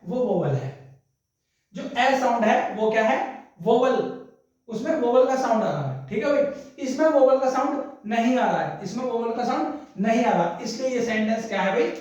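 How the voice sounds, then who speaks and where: A man's voice: very high voice, a little mellow, lo-fi sound. Man teaching grammar in a very echoey room. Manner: repetitive, rhetorical questions to students; addresses students as "brother". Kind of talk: classroom grammar lesson. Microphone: distant microphone. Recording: very echoey room, far from mic.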